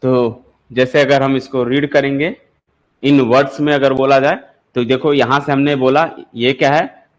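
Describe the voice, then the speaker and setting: Guy teaching maths, middle pitched voice, keeps asking the class questions then answering, patient step by step lesson. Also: steady tone, moderate pace. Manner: explains step by step, quizzing students with repeated questions. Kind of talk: classroom lecture for exam prep.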